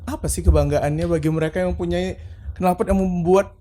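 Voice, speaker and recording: A man's voice: high-pitched, steady tone, a little fast, mellow. A man with an Indonesian accent hosting a podcast, asking casual questions and often murmuring agreement. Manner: chatty, lots of backchannel agreement. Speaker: podcast host. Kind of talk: casual interview.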